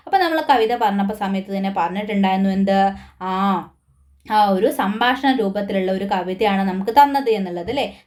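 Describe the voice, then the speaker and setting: A woman's voice: medium pitch, a little mellow. A young woman teacher giving a recorded lesson to small children, coaxing them with questions and answering them herself. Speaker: primary school teacher.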